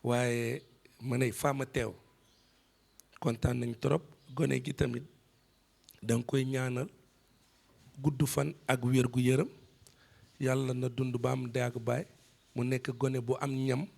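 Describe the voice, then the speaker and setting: A man's voice: mid-range voice, flat delivery, takes it slowly, creaky, long pauses, darkish tone, heavily acted. A man with a Senegalese Wolof accent playing a courteous neighbour giving a short ceremonial blessing in a drama. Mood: solemn, warm.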